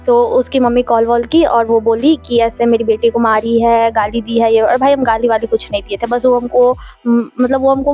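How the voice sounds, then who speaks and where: Chatty young woman telling a story. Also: on the high side. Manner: animated, chatty, acts out quoted lines. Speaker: vlogger. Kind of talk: casual storytelling vlog.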